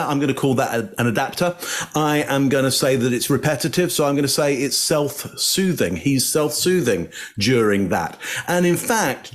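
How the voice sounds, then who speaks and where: A man analyzing body language on a panel, explaining things in a relaxed, chatty way. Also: mid-range voice. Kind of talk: casual panel commentary.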